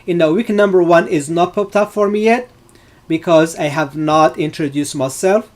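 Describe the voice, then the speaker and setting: A middle-aged Moroccan man who teaches data science walks students through a live online course, his voice a little high with a darkish tone and moderate pace. He explains things step by step, with frequent fillers and restarts.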